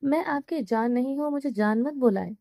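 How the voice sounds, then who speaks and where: A woman's voice: high-pitched, dark tone, dry recording, studio quality. A woman voicing a proud, defiant young wife in an audio novel, stubborn and spirited.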